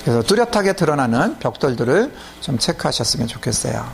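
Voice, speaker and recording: Lively gravelly male preacher. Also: mid-range voice, quick pace, a little hiss or hum. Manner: emphatic, often checks with the audience. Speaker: pastor. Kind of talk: sermon teaching and leading prayer.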